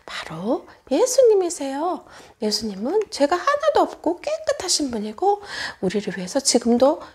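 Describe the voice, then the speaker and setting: A woman children's pastor giving a Sunday school sermon, telling a story and asking the children questions, often dropping into hushed whispers. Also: sits high, wildly swooping pitch, moderate pace.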